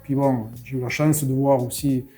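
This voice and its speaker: A middle-aged man with a warm, mellow voice and a sing-song southwest French accent recounts his past in a relaxed interview. He hesitates often, filling pauses and restarting phrases. Soft music plays faintly underneath. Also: medium pitch. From southwest France. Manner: hesitant, many "euh" fillers and restarts. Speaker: brewery founder, interview guest. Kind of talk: casual interview storytelling.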